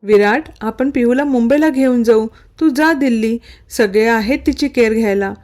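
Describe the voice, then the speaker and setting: A woman reading a story and voicing a caring young man who asks gentle, coaxing questions. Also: fairly high pitch, moderate pace, natural voice. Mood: concerned. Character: caring older brother figure, gentle and teasing.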